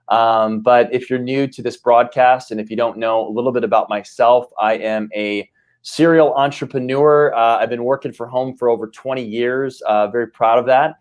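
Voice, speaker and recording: A man in his forties hosts a live-streamed talk from home over a remote call. He sounds upbeat and enthusiastic, with a mid-pitched voice, and he talks loosely, full of fillers and restarts. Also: a little mellow. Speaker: host and company CEO.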